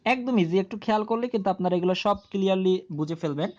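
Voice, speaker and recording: A woman with a mellow, medium-pitched voice teaches a grammar lesson to video viewers, recorded with dull-sounding audio. She speaks slowly, goes back over key terms, and answers her own frequent questions.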